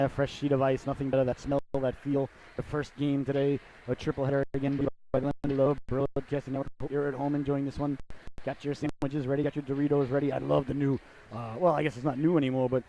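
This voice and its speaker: It's casual play-by-play of an amateur hockey broadcast from a middle-aged man who rambles, jokes with viewers and sniffles through a cold. He speaks at a medium pitch with vocal fry and a dark tone, over poor audio with a bit of hiss or hum.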